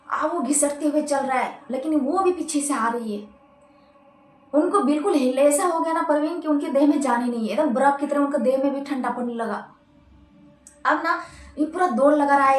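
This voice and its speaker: A woman tells a horror story casually, chatting to her listeners as friends. Her voice is high and lively with suspense. The room around her is echoey.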